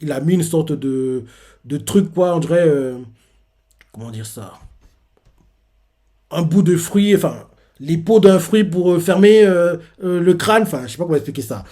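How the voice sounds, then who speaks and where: A man's voice: a little high, animated, normal speed, pauses often, dark tone. A man hosting a casual live manga reaction, rambling through the chapter with lots of fillers and restarts.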